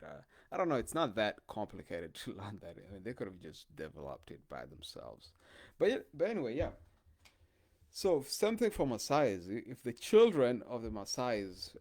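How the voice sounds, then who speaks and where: A man's voice: low voice, darkish tone. A man talking in a casual, rambling monologue full of hesitations and fillers. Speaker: podcast host.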